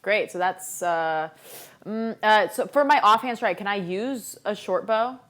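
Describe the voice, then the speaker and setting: A woman's voice: mid-range voice, measured pace, fairly bright tone. A woman speaking casually as a player in a tabletop role-playing game, often saying "like". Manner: casual, with filler likes.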